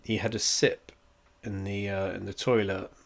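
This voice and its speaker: A man's voice: fairly low pitch, level tone, moderate pace, gravelly. A man, stuffed up and coughing, giving a meandering, profane, wry review at home. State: congested, coughing. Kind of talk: rambling casual review. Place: at home indoors.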